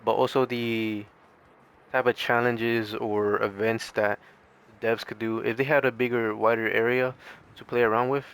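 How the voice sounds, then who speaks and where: A gaming video creator rambles through casual gameplay commentary in an informal, hesitant way, his medium-pitched voice delivered flatly at a normal speed. The tone is clear, resonant and a bit bright, though he sounds mildly strained, as if his voice is starting to give out.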